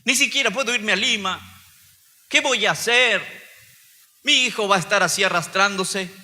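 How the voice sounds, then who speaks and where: Pastor guy preaching his testimony, high piercing voice, long church echo. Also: sharp tone. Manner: impassioned preaching, voice swelling and dropping. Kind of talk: sermon testimony.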